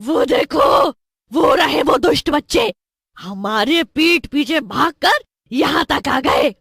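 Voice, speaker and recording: A woman voicing a bossy female witch villain in a cartoon story, shouting her lines. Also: fairly high pitch, lively intonation, takes it slowly, gravelly, dry recording, clean studio sound, exaggerated voice. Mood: triumphant. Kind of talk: cartoon voice acting.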